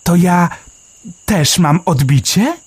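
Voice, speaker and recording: A bright, eager little sparrow in a children's storybook reading. The voice sits high and hops about. Delivery stays unhurried. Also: male voice, background noise. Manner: high, lively chirping delivery.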